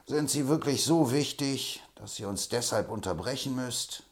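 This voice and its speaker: A man reads a gruff storybook accomplice with a deep, irritable edge. His questions come out clipped and unwilling. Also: wildly swooping pitch, moderate pace, full character voice. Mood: curt. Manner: curt, irritated.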